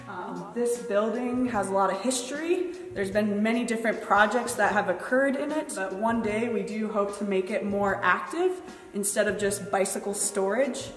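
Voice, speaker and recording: A young woman giving a plain-spoken, instructional walk-through tour, her voice carrying an empty warehouse echo. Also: mid-range voice. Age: young adult. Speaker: bike shop tour guide. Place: large indoor warehouse. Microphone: clip-on chest mic. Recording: roomy empty warehouse echo, long reverb.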